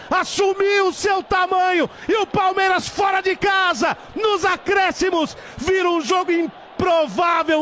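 Brazilian male match commentator, shouted long goal yells, stretched-out slow delivery. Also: very high voice, slight background noise. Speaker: football commentator. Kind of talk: live football commentary.

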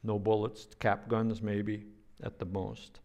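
An older man preaching a sermon as a pastor, speaking in a slow, deliberate way, with playful sound effects now and then. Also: fairly low pitch, little pitch movement, gravelly, a little mellow.

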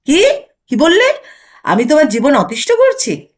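A woman narrator voicing a suspicious, sharp-tongued older wife who scolds her husband indignantly. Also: fairly high pitch, animated, normal speed, natural voice. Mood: furious.

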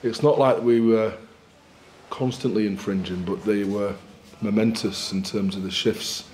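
A man in his forties, a rugby head coach answering post-match questions at a press conference in a candid, measured, upbeat way. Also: on the low side, steady tone, darkish tone, slight background noise. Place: small indoor press room in front of a sponsor backdrop.

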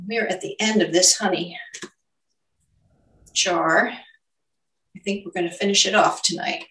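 A woman's voice: mid-range voice, fairly even intonation, unhurried, fairly bright tone, a little hiss or hum. An older woman hosting a casual home cooking demonstration, explaining each step aloud as she works. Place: home kitchen, indoors. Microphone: camera mic at a distance. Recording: echoey kitchen, distant mic.

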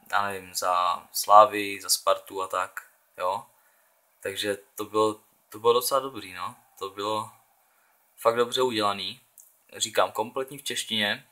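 A man's voice: on the low side, bright, forceful tone. A young man from the Czech Republic giving casual, chatty commentary while playing a football video game, thinking aloud and urging on his players. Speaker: gaming channel host.

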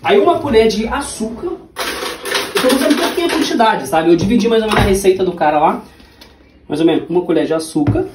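Speaking fairly quickly in a high, expressive voice, a man in his thirties cooks at home for his vlog, joking around in slang. He has a Brazilian Portuguese accent. The recording catches an echoey kitchen with clattering dishes and general noise.

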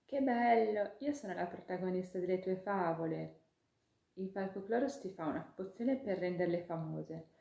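A woman voicing an excitable, affectionate little female ladybug in a storybook tale, squealing with excitement. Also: on the low side, moderate pace, creaky. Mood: excited. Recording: echoey room.

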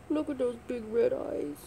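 A woman chatting casually to pets in drawn-out, cooing baby talk. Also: high-pitched, vocal fry, mellow, a little hiss or hum, poor audio. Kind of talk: casual chat to pets in a home video.

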